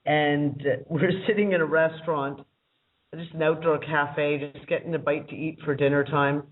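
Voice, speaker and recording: A woman's voice: deep voice, fairly even intonation, normal speed. A woman calling in to a casual chat show and telling a rambling story with frequent chuckles. Her voice comes through a thin line that sounds like it is in a tunnel. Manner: rambling, chuckling as she talks. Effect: thin phone-line audio that sounds like a tunnel. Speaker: regular panelist calling in. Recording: distant tinny call-in line.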